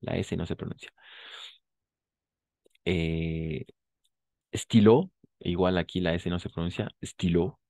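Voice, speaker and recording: A man teaching a French class, explaining pronunciation patiently, modeling words slowly and often checking that students follow. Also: low-pitched, monotone, gravelly, a little mellow, dry recording.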